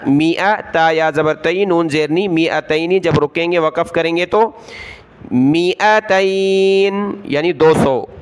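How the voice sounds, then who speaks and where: A high, clear male voice teaching Quran reading word by word. He draws each word out in a slow chant and spells out the letters and vowel marks, then rattles off short explanations in between. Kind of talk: word-by-word recitation lesson.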